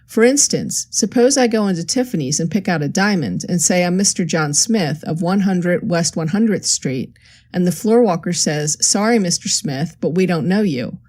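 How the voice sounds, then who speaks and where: A woman's voice: lowish voice, expressive, moderate pace, a little mellow. A woman reading as a shrewd undercover detective. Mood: questioning. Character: male detective posing as a crook, shrewd.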